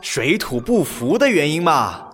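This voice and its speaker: Man doing a calm witty ancient envoy, slightly high voice, very lively intonation, reverb, faint music. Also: husky, heavily acted. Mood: composed. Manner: calm, measured, drawn-out pauses. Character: short, witty, unflappable ancient court envoy. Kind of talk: children's story audio drama.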